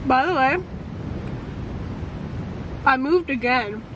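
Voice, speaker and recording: A woman's voice: high-pitched, lively intonation, takes it slowly. A teenage girl chatting casually for a vlog in a parked car, rambling from topic to topic. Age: teens. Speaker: vlogger. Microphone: camera on dashboard. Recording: car with wind noise.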